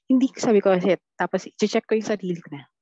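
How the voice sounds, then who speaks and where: A woman telling her experiences as a podcast guest, quoting her own dialogue in a blunt, animated way. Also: medium pitch, fast talker, slightly rough, no room sound, highs cut off. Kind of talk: casual storytelling chat.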